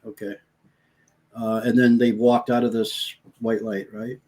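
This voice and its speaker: Husky-voiced man asking questions on a panel. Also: medium pitch, a little slow. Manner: animated, questioning. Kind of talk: panel discussion.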